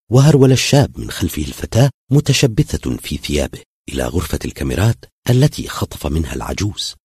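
A male storyteller with a deep, very husky voice, reading a dramatic story aloud. His pitch swings widely as he builds tension. The recording is close and dry. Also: a little mellow, dry recording. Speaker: narrator. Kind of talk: dramatic audio story narration.

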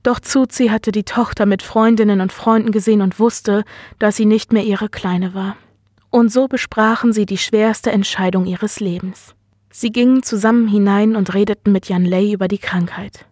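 A woman reading a science-fiction short story aloud in a steady, clear manner. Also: mid-range voice, moderate pace, no echo, clean studio sound. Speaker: reader.

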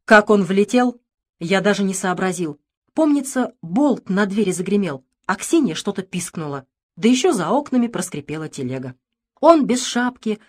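A woman narrates a literary audiobook with expressive, tense delivery. Her voice sits in a middle pitch. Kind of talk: dramatic literary reading.

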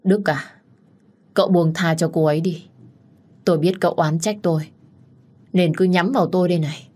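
A woman's voice: fairly low pitch, steady tone, moderate pace, darkish tone, lightly acted. A woman voicing a frightened young husband who stammers and pleads for his wife's release. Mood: pleading.

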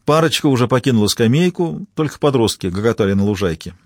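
A man narrating a crime novel as an audiobook in an even, measured way. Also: mid-range voice, dry recording, clean studio sound. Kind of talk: scripted narration.

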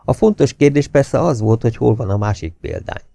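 A man narrating a novel as an audiobook reader in a steady, expressive reading style. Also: mid-range voice, vocal fry, dry recording, studio quality.

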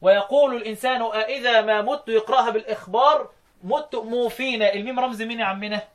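An Egyptian man teaching Quran recitation, quizzing his students and slowly chanting verse lines between his explanations. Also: very high voice. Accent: Egyptian Arabic. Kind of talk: interactive classroom lesson.

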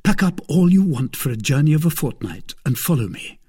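Man voicing bold young musketeer, firm, urgent, knowing, husky voice, animated pitch, storybook. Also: a little fast. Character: bold young male musketeer, quick and resolute.

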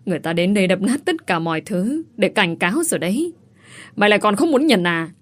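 A woman's voice: mid-range voice, big pitch swings, quick pace. Woman voicing a wailing, scolding old mother. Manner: wailing, reproachful. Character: scolding elderly mother, grief-stricken.

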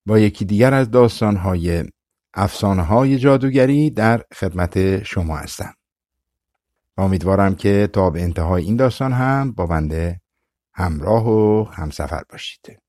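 Calm male storyteller, dry close sound. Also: fairly low pitch, no echo. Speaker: audiobook narrator. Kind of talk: scripted narration.

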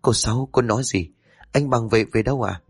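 A man's voice: medium pitch, fairly quick, breathy edge. A man voicing a hesitant young mother who stammers and pleads. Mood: anxious.

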